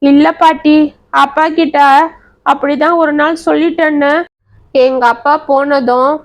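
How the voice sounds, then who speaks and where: A woman voicing a frightened young schoolgirl who speaks haltingly through tears. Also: sits high, little pitch movement, poor audio. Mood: tearful. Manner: hesitant, halting, tearful.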